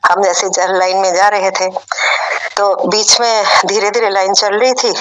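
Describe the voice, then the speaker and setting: A woman's voice: medium pitch, level tone, measured pace, a bit bright, slight background noise, rough recording. A middle-aged woman tells a devotional testimony in a conversational, emotional way, acting out family dialogue. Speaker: devotee sharing a satsang testimony.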